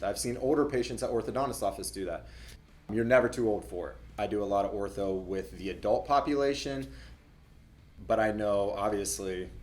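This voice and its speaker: A young adult male dentist talks casually to the camera in a conversational way, often repeating words as he goes. His voice is lowish and a little mellow.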